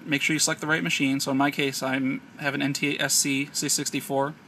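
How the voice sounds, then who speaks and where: Brisk and flat, with a mid-range voice and sharp tone, an American man explains an unscripted hands-on tech tutorial step by step. His handheld camera picks up noisy, amateur-quality sound.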